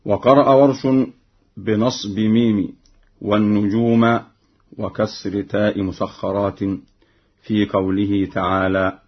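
A man teaching variant readings of the Quran, explaining slowly and chanting the verses he quotes. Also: on the low side, fairly even intonation, slightly rough, lo-fi sound. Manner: slow, measured, chants quotations.

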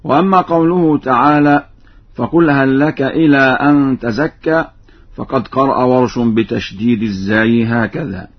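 A man explaining the variants of a Quran recitation in a measured, didactic way, drawing out the verses he quotes in slow chant. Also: mid-range voice, breathy edge. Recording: dull, lo-fi radio recording.

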